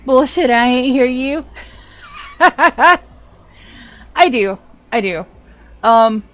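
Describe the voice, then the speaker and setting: She talks very slowly in a high-pitched, expressive voice that's a bit bright, pausing often. With her Georgia accent and slight lisp, she chats casually to viewers while streaming a game, greeting them by name as she comments on the live play.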